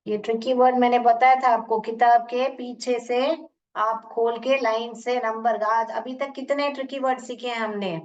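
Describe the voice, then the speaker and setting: A woman with an Indian accent teaching English phonics in an online class, repeating sounds slowly and asking questions. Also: fairly high pitch, steady tone, a little mellow. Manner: slow, repeats sounds and words, asks questions. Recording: muffled, distant from the mic.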